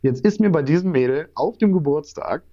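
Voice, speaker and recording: A young man, a guest in an interview, telling lively anecdotes and acting out both sides of phone calls. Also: on the high side, a little fast. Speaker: interview guest, former stripper and agency owner. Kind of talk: casual storytelling in an interview. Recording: dull lo-fi sound.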